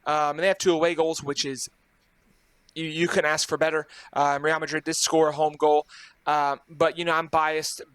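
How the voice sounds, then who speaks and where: A man's voice: on the high side, level tone, normal speed, a bit bright, clean tone, no room sound. A man hosting a casual sports podcast, rambling with many fillers and restarts. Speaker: podcast host.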